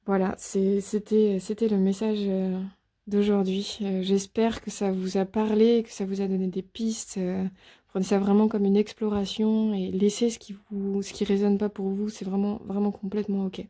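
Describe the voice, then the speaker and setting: A woman talking through a tarot reading in a soft, hesitant way, often pausing on fillers and restarting her sentences. Her voice is deep-toned and mellow, with a narrow, even melody that rarely rises or falls. Now and then she drops to a near-whisper. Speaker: tarot reader. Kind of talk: casual spoken tarot reading to viewers.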